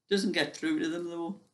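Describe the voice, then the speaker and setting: An elderly British woman of seventy-five chatting casually, telling everyday stories in a rambling, conversational way. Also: lowish voice. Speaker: vlogger sharing everyday life. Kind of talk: casual chat.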